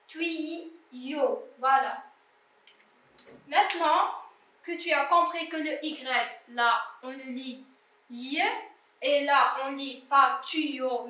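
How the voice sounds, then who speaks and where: Heard from afar in an echoey room, a woman with a high, bright and forceful voice teaches young children to read French. She patiently sounds out each word one syllable at a time in this primary school lesson.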